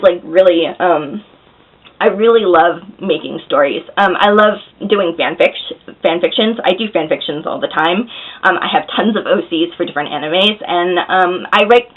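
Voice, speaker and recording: An American woman who is hoarse and unwell with a cold, chatting casually and candidly to her viewers, a little short of breath. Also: fairly low pitch. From Oregon, United States. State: out of breath, shaky. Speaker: vlogger answering viewer questions. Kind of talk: casual chat to camera. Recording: thin, phone-like narrow sound.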